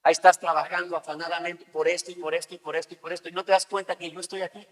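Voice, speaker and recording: Speaking very fast in a level tone, a man with a higher-pitched voice preaches as a pastor. He keeps things conversational and dramatizes ordinary situations, all echoing with a big hall's long reverb.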